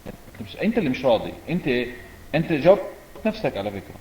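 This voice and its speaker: A man's voice: on the high side, racing, echoey room, a little hiss or hum, low-quality recording. A man with a Levantine accent, rebutting his opponent in a religious debate. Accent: Levantine Arabic. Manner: animated, rebutting.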